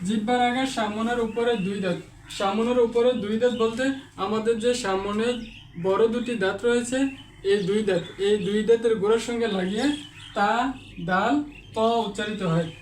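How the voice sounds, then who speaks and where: A man's voice: sits high, steady tone, moderate pace, roomy sound, far from the mic, a little hiss or hum. A man teaching Quran pronunciation step by step, patiently saying each letter sound again and again as a drill.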